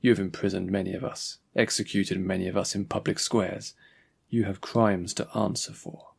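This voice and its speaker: A man's voice: deep voice, level tone, normal speed, creaky, breathy edge, full character voice. A man reading a defiant, accusing rebel swordsman.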